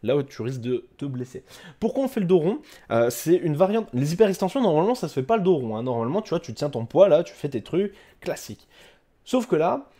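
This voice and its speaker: A man's voice: a little high, sing-song, quick pace, warm tone. A man, a fitness coach explaining an exercise casually to the viewer, with many fillers and restarts.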